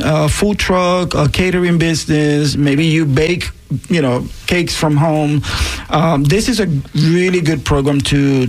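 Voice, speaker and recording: Speaking with a Puerto Rican accent in a low-sitting voice, a woman on a radio panel earnestly explains a training program, using plenty of fillers as she goes.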